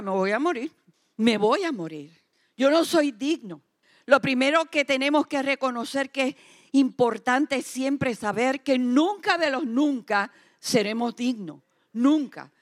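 High-voiced woman preacher. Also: expressive, a little slow. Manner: emphatic, building to loud repeated declarations. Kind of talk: sermon.

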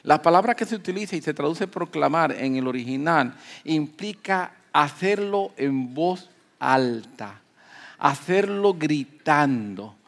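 A man preaching a sermon, moving from calm teaching to loud emphatic peaks and acting out the voices of people in the story. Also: a little high, a little slow, gravelly. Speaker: pastor.

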